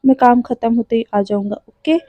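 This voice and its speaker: A woman's voice: a little high, fairly even intonation, a little fast, no room sound, muffled recording, natural voice. A woman voicing a strict but caring adult man who scolds his nephew firmly. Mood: firm scolding. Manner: scolding, firm. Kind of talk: storytelling voice acting.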